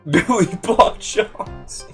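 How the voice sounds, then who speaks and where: A man's voice: very high voice, expressive, a little slow, faint music behind, pitched above the performer's own voice. A man voicing a frightened young country bumpkin with a thick rural drawl. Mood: pleading.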